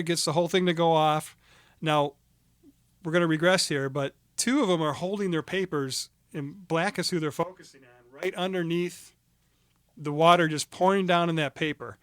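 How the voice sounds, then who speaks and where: A man with a slightly higher voice co-hosts a podcast, walking through a film's plot in a loose, animated way. He breaks into laughs and jokey asides. The sound is dry and close to the mic, with no room behind him. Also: moderate pace, smooth, no room sound. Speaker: podcast co-host. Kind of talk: casual film discussion.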